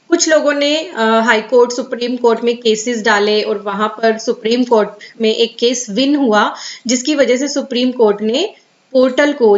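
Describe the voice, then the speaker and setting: A woman explaining tax procedures in a tutorial, switching between Hindi and slowly read English. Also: a little high. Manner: mixes Hindi with read-out English, slow and deliberate on English. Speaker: tax educator. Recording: slightly dull lo-fi sound.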